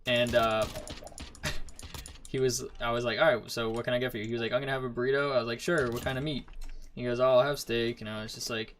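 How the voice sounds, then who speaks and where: A man's voice: medium pitch, a little fast, slight background noise. Young man telling work stories. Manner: animated storyteller, acts out customers. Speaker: streamer. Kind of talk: casual chat while gaming.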